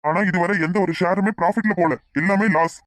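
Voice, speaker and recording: A man voicing a stern businessman partner in a cartoon, questioning briskly and demanding answers. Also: high voice, steady tone, a bit bright, dry recording.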